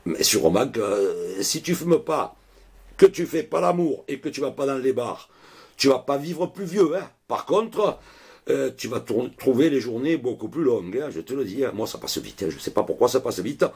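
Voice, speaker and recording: A man tells a meandering story to his viewers in a casual vlog. His voice is husky and sits in an ordinary middle pitch. He rambles, swears freely and keeps tossing in little asides. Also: expressive, normal speed, darkish tone. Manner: rambling, chatty, peppered with swearing and "hein". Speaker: vlogger.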